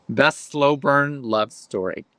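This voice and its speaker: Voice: mid-range voice, extremely slow, fairly bright tone. An interviewer in a casual chat, giving brief prompts and short reactions.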